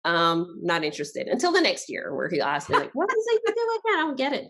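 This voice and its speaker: Low-voiced Barbados-born woman, chatty. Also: huge pitch swings, quick pace, fairly bright tone. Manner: chatty, laughs often, acts out quotes. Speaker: podcast guest, social media strategist. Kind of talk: casual interview chat.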